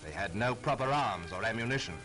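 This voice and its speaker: A man's voice: on the low side, expressive. A man giving formal, patriotic narration on a 1940s wartime newsreel soundtrack. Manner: brisk, formal, patriotic delivery. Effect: old newsreel soundtrack. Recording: old newsreel soundtrack over loud music.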